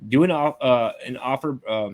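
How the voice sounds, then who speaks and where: A man's voice: medium pitch, normal speed. A man teaching online marketing on a live video call in a casual way, often ending his points with a questioning tag. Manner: casual, tags lines with "right?".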